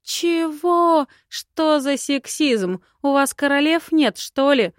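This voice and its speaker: A woman reading an audiobook and voicing a cheeky, sharp-tongued young woman who talks in a brash, teasing way. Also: on the high side, a little slow, no echo, clean studio sound, voice pushed up, close to an everyday voice. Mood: indignant. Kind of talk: audiobook character voice.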